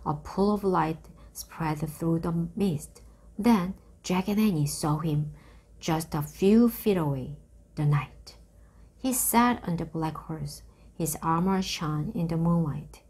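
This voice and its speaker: Slow, husky woman reading a children's book. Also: deep voice, a little mellow. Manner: slow, careful storytelling for learners. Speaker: reader.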